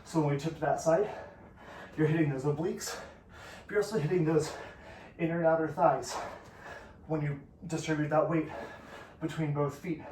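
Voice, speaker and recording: A man's voice: on the high side, fairly even intonation, moderate pace, pauses often, a little mellow. A man coaching a workout, counting down reps with encouragement while breathing heavily. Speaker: fitness instructor. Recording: echoey room, distant from the mic, noisy.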